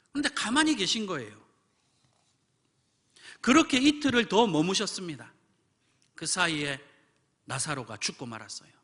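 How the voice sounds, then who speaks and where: A male pastor preaching a sermon dramatically, acting out quotes and swinging from whispers to loud build-ups. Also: high voice, long reverb tail. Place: church sanctuary.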